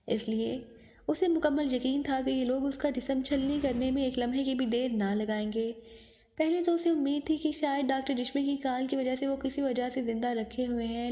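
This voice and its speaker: High-voiced woman reading a spy novel. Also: big-room sound. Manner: reads all parts in one even voice, small stumbles. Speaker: audiobook narrator. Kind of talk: scripted novel narration with character dialogue.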